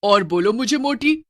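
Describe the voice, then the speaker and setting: A woman's voice: a bit bright, slight background noise, lightly acted. A woman voicing a fat, vindictive female witch in a cartoon horror story, calling out shrilly and gloating. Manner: shrill hawking calls and gloating cackles.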